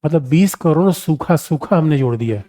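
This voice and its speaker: A male teacher gives a lively exam-prep lecture with a warm, mellow voice. He talks to the class like a familiar elder, calling them his children and throwing rhetorical questions at them. His tone is conversational rather than formal. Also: on the high side, moderate pace. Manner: animated, addresses students as "my children", rhetorical questions.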